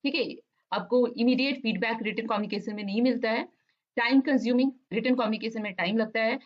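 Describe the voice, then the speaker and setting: Deliberate woman lecturer, lo-fi sound. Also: a little high. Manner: mixes Hindi and English, reads English answers slowly and deliberately. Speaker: online lecturer. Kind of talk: exam-focused lecture. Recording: dull lo-fi sound.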